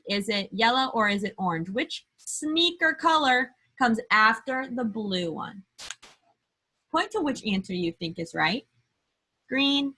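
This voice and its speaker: Slow, bright-voiced woman teaching small children. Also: fairly high pitch. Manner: simple, patient questions with pauses, as if to a small child; emphatic, sounding out key words slowly. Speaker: early-grade teacher. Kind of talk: remote math lesson for young children. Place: indoor room, screen-share lesson.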